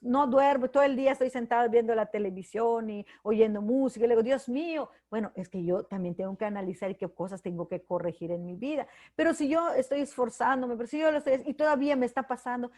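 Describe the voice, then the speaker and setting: A woman's voice: on the high side, warm tone. Earnest middle-aged woman preaching. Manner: earnest, heartfelt testimony with acted quotes. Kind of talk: devotional sermon.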